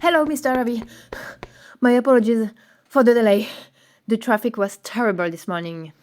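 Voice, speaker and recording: A woman acting in an animated short film, speaking in an earnest, questioning manner. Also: on the high side, moderate pace, lightly acted. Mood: polite, attentive. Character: opinionated woman, later a polite, attentive therapist. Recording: music under the voice.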